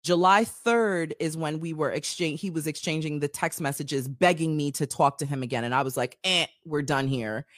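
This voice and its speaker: A woman's voice: low-pitched, moderate pace, hardly any pauses, no room sound, studio quality. A woman co-hosting a podcast, telling a personal story in casual chat and acting out the quoted dialogue.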